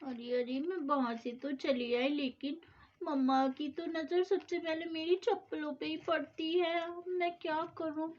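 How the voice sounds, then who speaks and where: Lisping little girl, pleading and whiny, high thin voice, dull lo-fi sound, as a woman voices her. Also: fairly even intonation, unhurried, a little mellow. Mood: worried. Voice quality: childlike lisp. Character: little girl Sona, timid, pleading, easily scolded. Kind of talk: storybook doll-play acting.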